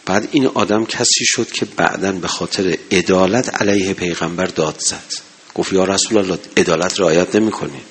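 A man preaching a sermon to a gathering, impassioned, swinging between loud exhortation and low murmurs. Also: breathy edge. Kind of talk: religious sermon.

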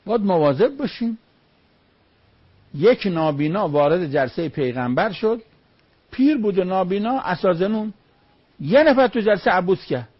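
A man's voice: high voice, lively intonation, pauses often, slightly rough, no room sound, dull audio. A man preaching on Quran verses, emphatic, with rhetorical questions and short stories.

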